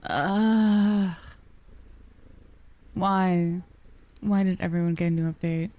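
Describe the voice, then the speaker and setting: A woman livestreamer with a soft, cozy storybook voice, chatting casually and affectionately with her viewers, using pet names. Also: lowish voice, steady tone, slow, no echo. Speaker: livestreamer, VTuber.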